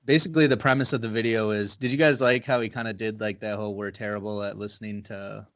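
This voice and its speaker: A man's voice: fairly low pitch, steady tone, quick pace, a bit bright. A man hosting a podcast over a video call, chatting casually, rambling and swearing. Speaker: podcast host. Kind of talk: casual chat.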